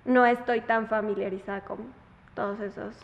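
A woman, an actress chatting as a guest, animated and acting out the voices in her stories. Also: mid-range voice, normal speed, a little hiss or hum. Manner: animated storyteller, acts out quoted voices. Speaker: actress and theatre director, guest. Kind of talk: casual interview chat. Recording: dull sound with long reverb.

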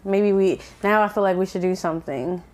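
A woman co-hosting a podcast in casual chat, relaxed and wry with playful asides. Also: medium pitch, fairly quick. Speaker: podcast co-host.

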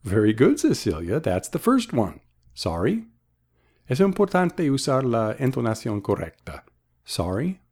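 A man's voice: medium pitch, big pitch swings, darkish tone. Patient bilingual teacher, a man. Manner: slow, patient, repeats phrases for practice. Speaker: English teacher and host. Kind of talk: bilingual language lesson.

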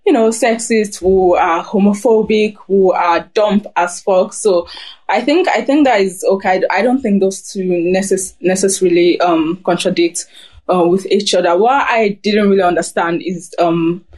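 A woman's voice: mid-range voice, moderate pace, darkish tone. A young woman who grew up in Germany, speaking hesitantly over a phone in a casual group discussion. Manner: hesitant, many fillers.

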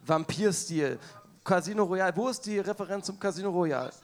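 A man's voice: high-pitched, brisk. A man co-hosting a casual podcast, roasting music videos with sarcastic banter and hyping up the crowd. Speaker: podcast co-host. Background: audience present.

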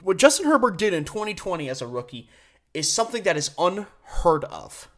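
Alone on his sports podcast, this man delivers opinionated, conversational takes, hitting words hard and pausing deliberately. He sounds high-pitched, very animated and slightly bright.

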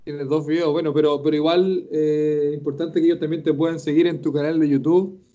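A man runs a casual online class, talking in a chatty, encouraging way and often repeating himself. His voice sits a little high and sounds mellow. The call audio is dull and lo-fi. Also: little pitch movement, brisk. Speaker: host and Japanese teacher.

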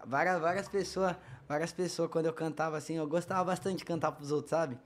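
Young male funk MC, slightly high voice, slushy tongue-tied lisp, São Paulo accent, slangy casual storyteller who repeats himself. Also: steady tone, a little fast. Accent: São Paulo state Brazilian. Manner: heavy street slang, repeats phrases. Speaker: guest, funk MC.

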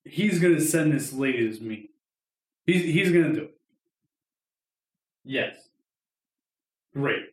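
A man hosting a podcast in casual, jokey chat, animated and swearing a lot. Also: on the high side, normal speed. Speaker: podcast host. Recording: roomy echo.

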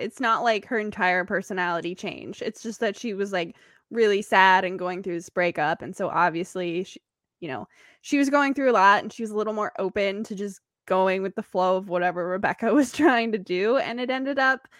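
A woman's voice: medium pitch, a bit bright, no echo, studio quality. A woman co-hosting a casual podcast, animatedly retelling TV scenes and laughing often. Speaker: podcast co-host. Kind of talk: casual TV recap chat.

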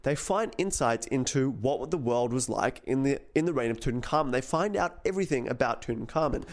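A man's voice: mid-range voice, expressive, brisk. A man, co-hosting a podcast and casually retelling a history story, acting out quotes along the way. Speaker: podcast co-host.

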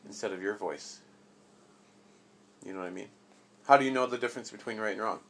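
A man's voice: lowish voice, fairly quick, vocal fry, fairly bright tone. A man chatting casually with his child as her father, asking playful, probing questions. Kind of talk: casual chat.

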